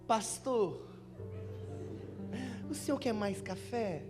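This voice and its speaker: A man's voice: high-pitched, animated, heavily acted. A man with a Brazilian Portuguese accent quoting his doting, fussing mother as she serves guests. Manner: sweet, fussing, then louder and slower to a foreigner. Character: fussy doting middle-aged mother hosting guests. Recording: live church sound with music underneath.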